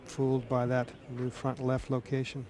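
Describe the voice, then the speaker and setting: A man giving live golf commentary with deliberate, dramatic phrasing. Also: medium pitch, monotone, darkish tone.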